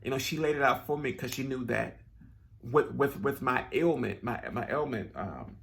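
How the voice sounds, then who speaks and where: A vlogger talks casually and personally to camera, earnest and rambling, restarting often and sounding a bit nasal and stuffed up. His mid-range voice is expressive and fairly bright, with vocal fry, a normal pace, and slight background noise.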